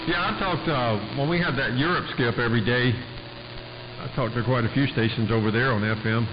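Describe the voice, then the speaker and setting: Over muffled radio crackling with noticeable static, a man swaps easygoing talk with fellow hams, wandering from topic to topic in homespun radio jargon. His pitch is medium and his speech a little fast.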